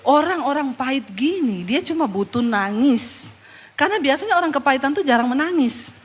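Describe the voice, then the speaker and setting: Woman pastor, high voice, lively storytelling sermon, middle-aged. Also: fairly quick. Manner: animated, acts out the people in her story with laughter.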